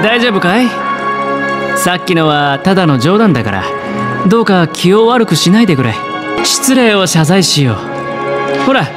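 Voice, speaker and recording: In a video game, a man voices a suave, smug young gambler with a smooth voice and a teasing, calculating charm that is theatrically polite. His pitch sits high and a bit bright, and the mood is breezy and courteous.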